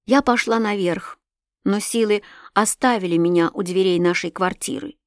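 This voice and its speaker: A woman narrating a classic novel as an audiobook, in an expressive, emotional way. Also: mid-range voice, normal speed, no echo, clean studio sound. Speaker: audiobook reader.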